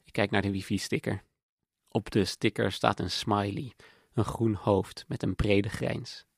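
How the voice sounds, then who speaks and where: A man giving calm, matter-of-fact, intimate first-person narration in a scripted documentary. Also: lowish voice, measured pace, gravelly, husky, no echo. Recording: dry close voice-over with faint music.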